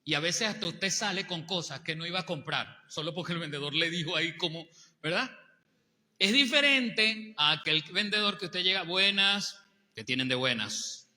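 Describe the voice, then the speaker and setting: A male pastor, preaching a sermon with animated rhetorical questions to the congregation. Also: high voice, moderate pace. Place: church hall. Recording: long hall reverb.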